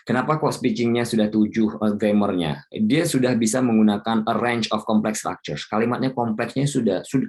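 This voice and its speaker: A man's voice: lowish voice, a little mellow. A man teaching an IELTS class, chatting casually, dropping English terms into his explanations and laughing often. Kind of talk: casual online lesson.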